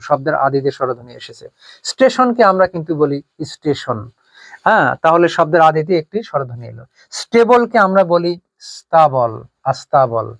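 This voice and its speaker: A man's voice: on the high side, dry recording. Patient man teaching grammar, dry close mic. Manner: patient, explains step by step and asks rhetorical questions. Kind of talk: online grammar lesson. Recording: dry, slightly dull close-mic sound.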